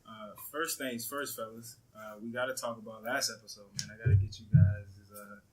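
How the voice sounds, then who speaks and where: A man's voice: fairly low pitch, flat delivery, normal speed, a little mellow, rough recording. A man hosting a casual podcast, laid-back and leading the conversation. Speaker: podcast host. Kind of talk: casual chat.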